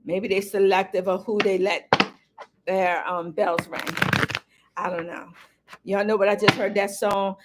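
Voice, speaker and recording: A woman in mid-range pitch hosting a live stream in a loose, rambling way. She speaks directly to her audience and calls them y'all, with a casual, unscripted flow. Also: flat delivery, measured pace, long pauses, very noisy. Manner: rambling, talks straight to viewers as y'all. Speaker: livestream host.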